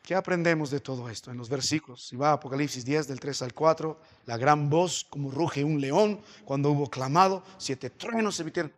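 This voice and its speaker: High-voiced Peruvian pastor preaching in a hall. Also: male voice, a little fast, few pauses. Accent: Peruvian Spanish. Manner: builds to loud, impassioned preaching. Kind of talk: sermon. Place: church.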